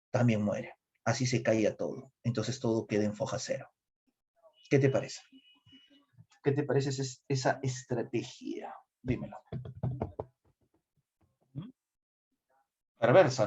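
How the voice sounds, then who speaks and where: A middle-aged man with a Peruvian accent lectures on history with lively energy, pausing to quiz his students. His voice sits in a middle register. The recording is a little dull and lo-fi. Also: medium pitch, husky. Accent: Peruvian Spanish. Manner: asks students questions, animated. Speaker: history teacher.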